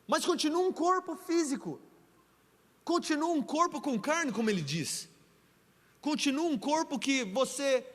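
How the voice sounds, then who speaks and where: A man's voice: very high voice, a bit bright. A man preaching a sermon as pastor, telling the story playfully and acting out the dialogue, in a large church hall. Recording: echoey church hall with long reverb.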